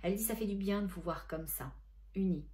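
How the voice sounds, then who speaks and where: A middle-aged woman, a spiritual medium chatting through a channeling session and passing on messages in gentle tones. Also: medium pitch, fairly quick.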